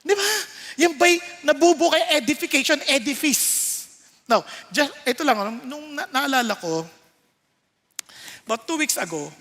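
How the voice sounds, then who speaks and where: High-voiced Filipino pastor preaching emphatically. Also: male voice, a bit bright. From Philippines. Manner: emphatic preaching, often checks in with the audience. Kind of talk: sermon. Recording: reverberant hall sound.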